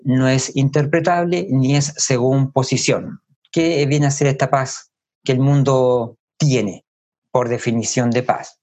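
A man preaching a sermon in a measured way, repeating key phrases for emphasis and pausing to think aloud. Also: medium pitch, darkish tone.

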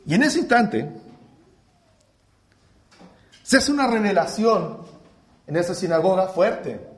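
A male pastor preaches in a slow, dramatic way, piling up rhetorical questions. His voice is high and swings widely in pitch. The sound carries the echo of a large church room. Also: big pitch swings. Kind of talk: sermon. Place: church hall.

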